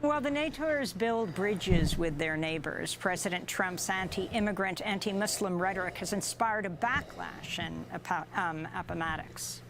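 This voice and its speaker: Low-voiced woman news narrator. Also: normal speed, few pauses, noisy background. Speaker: news reporter.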